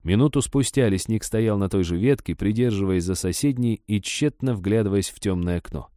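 Guy reading an audiobook, low mellow voice, dry close sound. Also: normal speed, no echo. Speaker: audiobook narrator. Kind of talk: scripted narration.

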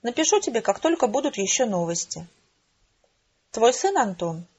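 A wry young soldier writes home to his mother in an easy, cheerful tone, as a woman reads his letter aloud. The voice is husky and a little high. The recording is dull and lo-fi. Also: big pitch swings, normal speed, a little mellow.

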